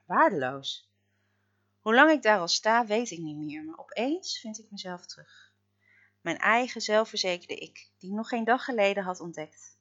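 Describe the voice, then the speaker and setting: A woman narrating a story in the first person, dramatic, swinging between loud outbursts and hushed murmurs. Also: mid-range voice, lo-fi sound.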